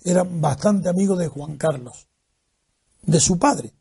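A man's voice: high-pitched, a little slow, vocal fry, breathy edge. An older man being interviewed, telling a long personal anecdote and acting out the voices of the people in it. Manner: animated, acts out quoted voices. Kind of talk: storytelling recollection.

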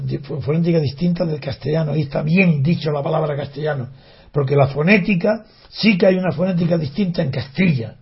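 A man's voice: a little high, vocal fry. An older man in an opinionated spoken monologue, talking indignantly with rhetorical questions and frequent restarts. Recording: dull lo-fi recording.

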